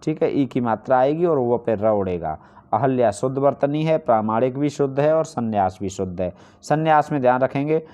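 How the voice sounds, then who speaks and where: A man's voice: mid-range voice, a little mellow. Man teaching Hindi spelling, drilling answers. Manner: explains step by step, asks and answers his own questions; repeats key points for emphasis. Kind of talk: online exam-prep lesson.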